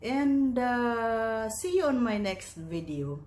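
A woman teaching vocabulary, saying each word slowly and repeating it three times. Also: fairly high pitch, animated, darkish tone. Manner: slow, deliberate, drilling words three times. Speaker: language teacher. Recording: echoey room.

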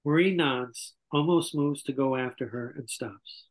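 The recording is low quality, coming through a video call microphone as an older man narrates stage directions from a script during a table read. He's indoors and speaks in a mid-range voice at a measured pace.

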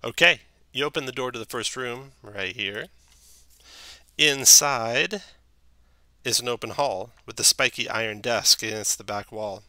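A man's voice: mid-range voice, a little slow, pushed and bright, dry recording. A man narrating a tabletop game as game master, describing scenes and sometimes correcting himself.

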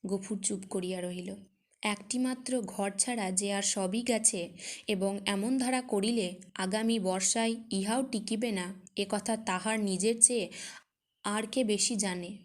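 Woman reading an old short story out loud, steady measured pace, mid pitch. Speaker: story reader. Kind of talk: scripted literary narration.

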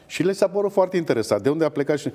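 A middle-aged man, an opera singer, telling stories with hesitations in a TV interview. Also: on the high side. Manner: animated anecdotes with hesitations. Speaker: guest, opera bass-baritone. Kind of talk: storytelling in a TV interview.

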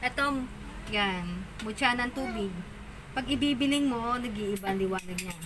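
Animated high-voiced woman, noisy background. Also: normal speed. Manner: animated and mocking, with frequent laughter. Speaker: online seller of stones and amulets. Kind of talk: casual live-stream selling talk.

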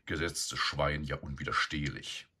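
A man's voice: rumbling low, flat delivery, a little slow, sharp tone, slightly rough, full character voice. A man voicing a vain, pompous older boar who gets easily flustered. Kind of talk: storybook reading.

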